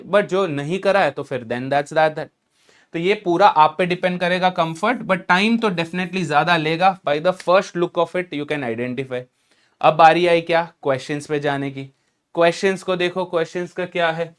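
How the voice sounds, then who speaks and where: A man's voice: on the high side, smooth. A man teaching exam strategy in a casual, emphatic lecture, mixing in English and asking rhetorical questions.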